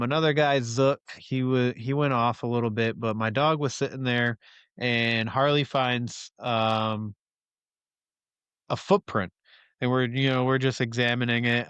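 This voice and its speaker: A man's voice: medium pitch, fairly bright tone, clear, resonant tone, no room sound, lo-fi sound. A man hosting a podcast, telling a long rambling story in casual chat with friends, swearing freely and leaning on fillers. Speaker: podcast host.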